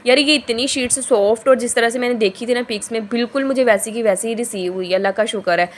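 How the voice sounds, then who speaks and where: A young woman vlogger from Pakistan talks through her shopping haul, her pitch sitting a little high even though a sore throat leaves her voice hoarse and heavy. She chats casually, rambles, and keeps stopping to correct herself mid-sentence. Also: quick pace.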